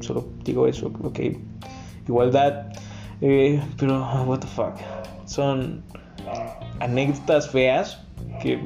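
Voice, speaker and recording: Young mexican guy ranting with lots of slang, gravelly dark voice, lo-fi audio with faint guitar behind. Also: mid-range voice. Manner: crude, joking rants with slang. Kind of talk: casual storytelling monologue.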